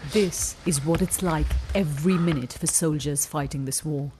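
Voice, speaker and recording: A woman reporting as a war correspondent, narrating a scripted frontline news report in a grave, measured way. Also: sits low, over music.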